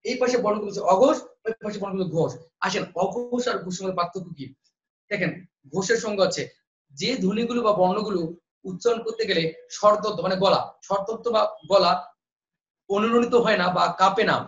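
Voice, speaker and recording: A man's voice: sits high, a bit bright, reverberant, muffled recording. A man teaching an online admission-prep class, quizzing students and repeating the answers.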